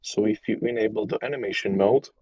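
A man explaining a software tool on an online call, talking hesitantly with restarts, heard through lo-fi audio over a weak connection. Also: on the low side, steady tone, fast talker, breathy edge. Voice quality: hesitant, with many restarts and fillers. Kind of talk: casual technical explanation on a call.

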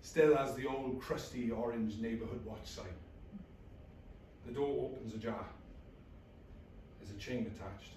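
A man's voice: mid-range voice, measured pace, pauses often, a little mellow. A man in his thirties performs an intense, brooding dramatic monologue from a script in short clipped phrases. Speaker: actor in a rehearsed reading. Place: small bare indoor rehearsal room. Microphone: distant camera across the room. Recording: echoey room, far from mic, faint noise.

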